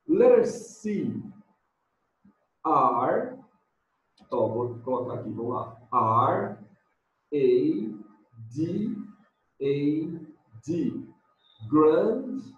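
A man's voice: fairly high pitch, roomy sound, distant mic, lo-fi sound. A man with a Brazilian Portuguese accent, teaching English words to young children in a recorded home lesson and spelling them out letter by letter.

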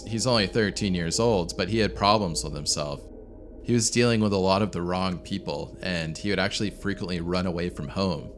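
A man reading a scripted true-story narration in a measured, serious way. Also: sits low, a little hiss or hum. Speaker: channel narrator. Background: faint background music.

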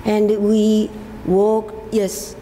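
Older lady, giving a talk in a hall, slow and halting, bit of echo and faint hiss. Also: medium pitch, flat delivery. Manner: halting, with many restarts and fillers. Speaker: forum speaker. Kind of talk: casual slide talk to an audience. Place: meeting hall. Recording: echoey hall, faint background noise.

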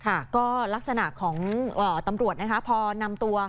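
A woman's voice: medium pitch, moderate pace. A woman co-hosting a crime news show, answering politely and briefly. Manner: brief affirmations, polite particles. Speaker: news co-host. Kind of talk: studio news chat.

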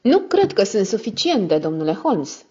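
Old male professor read by a woman: irascible, hostile, harsh, low-pitched. Muffled, lo-fi audiobook. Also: big pitch swings, dark tone, husky, full character voice. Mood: furious. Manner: harsh, raised voice.

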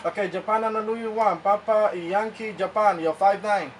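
A ham radio operator repeats call signs in short, clipped bursts while trying for satellite contacts from an indoor radio room. He has a high, steady voice at normal speed, recorded by a camera mic placed away from him, with loud noise and clicks.

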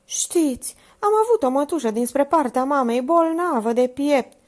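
A woman voicing a panicky, talkative, easily frightened woman who exclaims in a shrill, breathless way. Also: expressive, a little mellow. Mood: gossipy.

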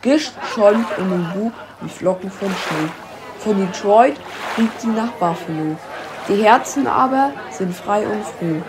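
A woman narrating a ballad as a measured, declamatory dramatic recitation. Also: medium pitch, lively intonation, background noise. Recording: music under the voice.

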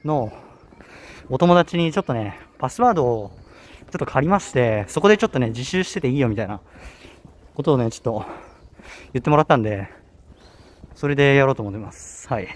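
Young male vlogger, Kanto accent, rambling and self-correcting, mid-pitched, light outdoor hiss. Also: expressive, brisk, pauses often. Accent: Kanto Japanese. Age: young adult. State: slightly out of breath. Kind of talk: casual walking vlog. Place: outdoors on a hilly university campus. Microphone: handheld camera.

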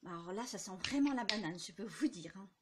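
Woman, casual haul vlog, chatty, hesitant, lots of fillers, unsure over product names, mid-pitched voice. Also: expressive, a little fast, crowd noise. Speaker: vlogger.

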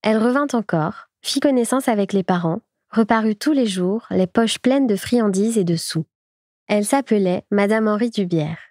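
A woman reads a classic short story aloud as an audiobook. Her narration is even and clear, her tone dark and mellow. The sound is dry and close. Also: medium pitch, moderate pace, no echo. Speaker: audiobook reader. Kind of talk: scripted literary narration.

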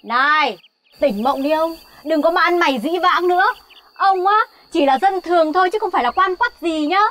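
A woman plays a sharp-tongued village wife who mocks and scolds. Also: very high-pitched. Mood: mocking. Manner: scolding, mocking, quick retorts. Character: sharp-tongued, mocking village wife of a middle-aged official. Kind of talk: folk comedy TV acting.

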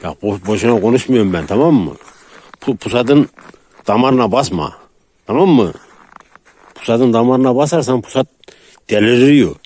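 A man's voice: mid-range voice, animated, normal speed, pauses often, darkish tone. A man filming his dogs in a rural yard, coaxing and calling them and chatting casually to viewers between chuckles.

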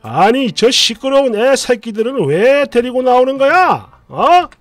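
A man voicing a hot-tempered young husband who shouts coarse abuse at a child. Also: extremely high pitch, sing-song, unhurried, dry recording, pitched above the performer's own voice, exaggerated voice. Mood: furious shouting.

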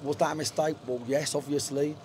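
A middle-aged football manager's voice is a little high with a darkish tone, delivered flatly and a little fast. He talks frankly in a post-match interview from a stadium dugout, with lots of fillers and restarts. The handheld reporter mic picks up slight background noise.

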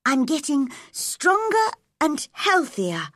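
A woman's voice: high voice, huge pitch swings, takes it slowly, a bit bright, no room sound, studio quality, voice pushed up, heavily acted. A woman voicing a timid young girl who stammers but grows braver as she speaks. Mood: timid pleading. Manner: shy, stammering, growing brave.

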